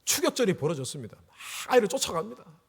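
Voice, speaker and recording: A man's voice: high-pitched, very animated, rapid-fire, vocal fry, husky. A middle-aged male pastor preaching a revival sermon, telling a personal story with emotion that rises to pleading cries. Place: church sanctuary. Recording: echoey church hall.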